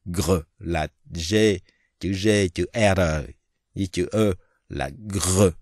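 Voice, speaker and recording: A man from Vietnam giving a casual pronunciation lesson, speaking slowly and haltingly with many fillers and drawing out the example words. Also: deep voice, darkish tone, no echo, studio quality. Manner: slow, halting, many fillers, repeats French words drawn out. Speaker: French teacher.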